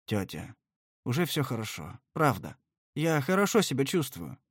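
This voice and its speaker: A man voicing a hoarse young man who mumbles evasively and placatingly, in an audiobook. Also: mid-range voice, a little slow, a little mellow, no room sound, studio quality, close to an everyday voice. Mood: mumbling.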